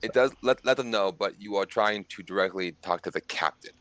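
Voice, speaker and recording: A man narrating as game master of a tabletop game, casual and halting, with many fillers. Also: on the low side, a bit bright, dry recording.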